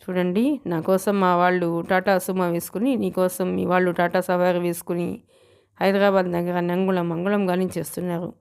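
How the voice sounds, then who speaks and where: A woman's voice: fairly low pitch, level tone, gravelly, a little mellow, clear, resonant tone. A woman playing a clever scheming young bride. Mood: persuasive. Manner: brisk, persuasive.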